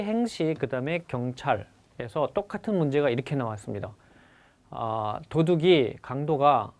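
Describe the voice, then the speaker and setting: A man teaching English vocabulary for civil service exams in a recorded lecture, repeating key words slowly and addressing his students. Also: fairly high pitch. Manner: stresses the English words, then lets the Korean explanation trail off quietly.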